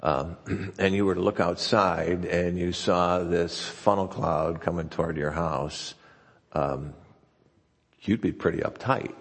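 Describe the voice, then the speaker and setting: A low-voiced male pastor preaches in a folksy, chatty manner, stumbling and restarting as he goes. His voice is gravelly and a little husky. A long reverb from a church hall trails behind each phrase. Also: steady tone, slow. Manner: conversational and folksy, with frequent restarts. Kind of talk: sermon. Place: church sanctuary.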